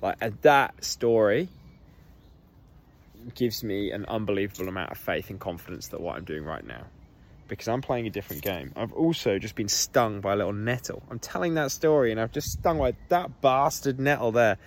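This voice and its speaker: A man's voice: fairly low pitch, expressive, normal speed. A man hosting a solo podcast outdoors, talking openly and emotionally with plenty of "like" fillers. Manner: open and emotional, many "like" fillers. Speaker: podcast host. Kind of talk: candid solo podcast monologue. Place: outdoors on a walk.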